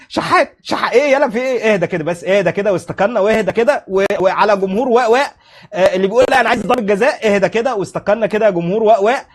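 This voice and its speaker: A man with an Egyptian accent giving animated, mocking fan commentary on a football match. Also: very high voice. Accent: Egyptian Arabic.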